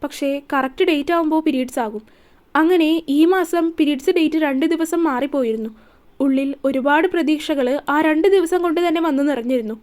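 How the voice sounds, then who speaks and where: High-voiced woman reading a story. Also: brisk, darkish tone. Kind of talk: serialized romance story reading.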